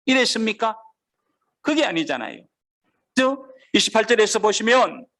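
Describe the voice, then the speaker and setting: A man preaching a sermon as pastor, reading scripture aloud slowly and putting questions to the congregation. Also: sits high, fairly bright tone.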